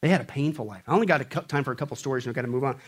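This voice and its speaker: A man from Kansas preaching a sermon, talking casually and asking the audience questions, rising to loud peaks and then dropping to quiet asides. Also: medium pitch, very fast, breathy edge. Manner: animated, swings from shouting peaks to hushed asides; conversational, asks the audience rhetorical questions. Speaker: pastor.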